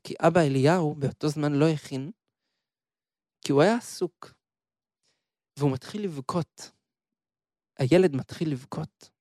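A man preaching an impassioned sermon, telling a story and slowing down on quoted scripture. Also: on the high side, a little mellow, no room sound, studio quality. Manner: impassioned, slows down on quoted verses.

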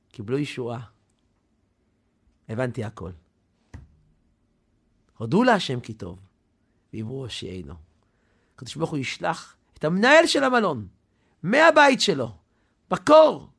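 A man preaching a sermon, telling a story dramatically, swinging from loud to hushed. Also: on the high side, creaky.

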